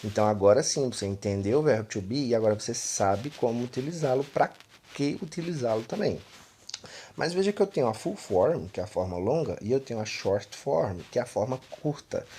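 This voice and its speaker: Husky-voiced Brazilian Northeastern teacher. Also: male voice, medium pitch, very animated, a little fast, warm tone. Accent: Northeastern Brazilian Portuguese. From Pernambuco, Brazil. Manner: explanatory, repeats "né" and "tá" constantly. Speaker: English teacher. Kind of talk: online language lesson.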